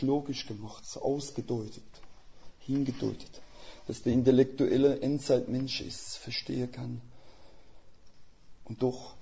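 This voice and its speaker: An older missionary, guest-preaching a sermon, speaks in a Swiss German dialect with a gravelly, mellow, medium-pitched voice. His style is folksy and plain-spoken, full of homely images and rhetorical questions, and the lo-fi recording sounds slightly dull.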